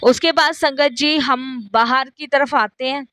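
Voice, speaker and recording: A middle-aged woman speaks in a high voice, telling her own devotional story as a testimony. She keeps addressing the listeners directly and acts out the lines of the people in her account. The sound is dry and close, with no room in it. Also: measured pace, fairly bright tone, no room sound. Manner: addresses listeners repeatedly as sangat ji; acts out quoted dialogue in story. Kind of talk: first-person spoken testimony.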